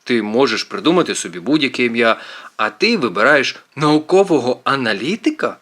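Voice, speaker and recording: A man voicing a boastful, excitable teenage boy hero in an audiobook. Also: medium pitch, a little fast. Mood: excited. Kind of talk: audiobook character voice.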